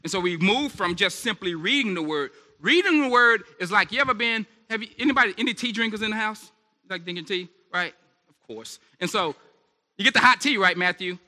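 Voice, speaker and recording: A man preaching at a church service in an animated, conversational way, throwing questions out to the congregation. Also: sits high, fairly quick. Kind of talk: sermon. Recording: echoey hall reverb.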